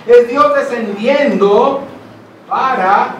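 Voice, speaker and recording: A man preaching a sermon in a church, impassioned, moving between loud declarations and hushed asides. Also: very high-pitched, drawn-out words. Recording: echoey hall, distant mic, noisy.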